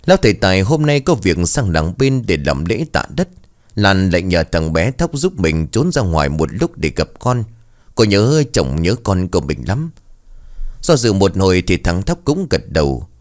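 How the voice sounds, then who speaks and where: A man's voice: low voice, very animated, moderate pace. A man narrating a ghost story in a dramatic reading style, voicing every character himself.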